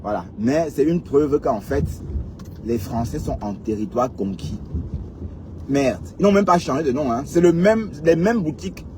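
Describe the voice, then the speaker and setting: A man's voice: medium pitch, animated, normal speed, background noise. A man from Cameroon, ranting sarcastically to his viewers and firing rhetorical questions at them. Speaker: commentator addressing viewers. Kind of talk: casual ranting commentary. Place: in a vehicle on the road.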